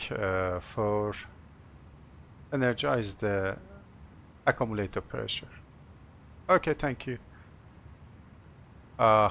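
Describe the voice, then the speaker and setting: A man who is a non-native English speaker, working as an airline captain, talking through cockpit procedures and announcements in short, halting, procedural phrases. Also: mid-range voice, vocal fry, fairly bright tone, slight background noise. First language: not English. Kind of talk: cockpit procedure narration, checklist callouts and announcements.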